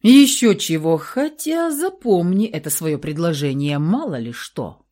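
Audiobook: a sardonic, grumbling young brother, as a woman reader puts him on, lively delivery. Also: fairly low pitch, measured pace. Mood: wry. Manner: wry, grumbling. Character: dry, sardonic young man, protective brother. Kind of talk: audiobook role reading.

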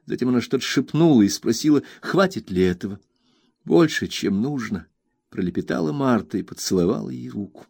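A man reading a novel aloud as narrator, measured and expressive. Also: mid-range voice, gravelly, breathy edge, no room sound, clean studio sound. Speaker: audiobook narrator. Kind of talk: scripted narration.

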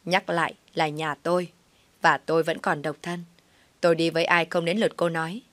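Woman voicing a curt, mocking young man, lowish and dry. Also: little pitch movement, a little fast, fairly bright tone, dry recording, lightly acted. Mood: scornful. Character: cold dismissive young man, scornful and sharp.

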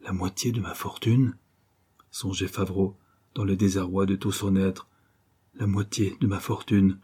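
A ruthless middle-aged banker, read by a man, sounds cornered and tense, pressing his words in a low, husky voice. His urgent speech sometimes sinks to a hoarse whisper. The tone stays dark and mellow, as in a storybook reading. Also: completely flat delivery, normal speed. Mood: anguished.

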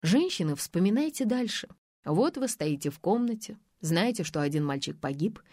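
A woman reading as a calm male investigator in an audiobook, businesslike and level. She keeps her own voice for him, and the recording is dry and close. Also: fairly low pitch, moderate pace, dry recording.

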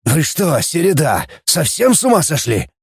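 A man's voice: fairly high pitch, very animated, moderate pace, creaky, darkish tone, husky, no echo, clean studio sound, full character voice. A man voicing a wiry, irritable elderly starship captain who barks and sneers at a junior officer. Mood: angry. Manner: barking, sneering, then weary.

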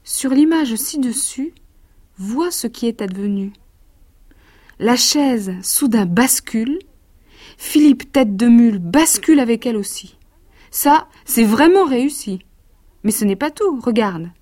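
A woman with a fairly high voice reads rhymed children's stories at an unhurried pace. Her delivery is rhythmic and expressive. She drops into a quieter, quicker tone when she reminisces between the verses. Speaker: actress reading childhood stories.

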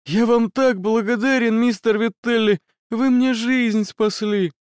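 A man's voice: very high-pitched, steady tone, a little slow, clean tone, no echo, voice pushed up. A man voicing a panicked, wounded teenage schoolboy who babbles shrilly, close to sobbing. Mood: grateful.

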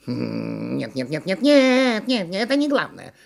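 A man reading a storybook and voicing a bossy, excitable monkey with a squeaky, shrill voice. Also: a little slow, creaky, full character voice. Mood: excited.

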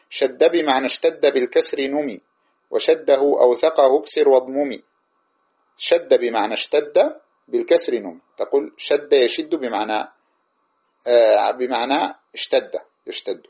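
A man giving a lesson on a classical grammar text, reading verses slowly and then explaining them plainly, often checking that listeners follow. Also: mid-range voice, a little mellow, slightly rough, lo-fi sound.

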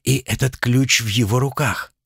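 A man voicing an anxious, tender young witch who pleads in an urgent, hushed way. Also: mid-range voice, steady tone, moderate pace, creaky, breathy edge, no room sound, studio quality, pitched above the performer's own voice, full character voice.

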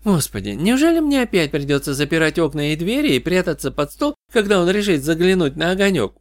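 A man voicing a lively, teasing young woman, his voice pushed up high and light. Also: a little fast, no echo, clean studio sound. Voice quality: raised, light pitch.

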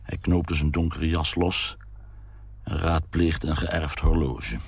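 A man's voice: a bass voice, fairly even intonation, takes it slowly, husky, no echo. Diepe, krakende vertellersstem van een man. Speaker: storyteller. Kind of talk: scripted narration.

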